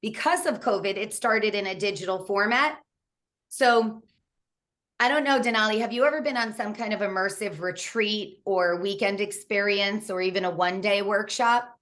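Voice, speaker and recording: A woman's voice: medium pitch, normal speed, fairly bright tone. Guest, woman, 40s: candid, laugh-prone storyteller, casual interview over a video call. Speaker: author and coach guest.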